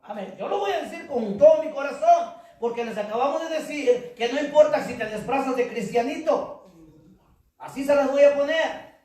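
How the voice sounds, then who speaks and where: A man preaching a sermon as pastor, rising into shouts and calling for congregation responses. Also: extremely high pitch, moderate pace. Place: church hall. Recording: very echoey hall, mic far off.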